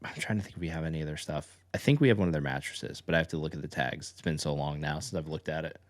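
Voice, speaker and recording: A man in his thirties with a very deep voice, chatting in a relaxed way on a parenting podcast. He recounts stories about his little boy. The recording is close and dry, with no room sound. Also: racing, dry recording. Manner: laid-back, relates anecdotes about his toddler. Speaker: podcast co-host. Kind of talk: casual podcast chat.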